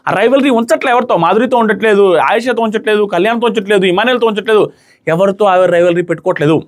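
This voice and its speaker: Fast-talking, high-voiced man reviewing an episode. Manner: rapid, emphatic, repeats points for stress. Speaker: reality show reviewer. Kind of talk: opinionated episode review commentary.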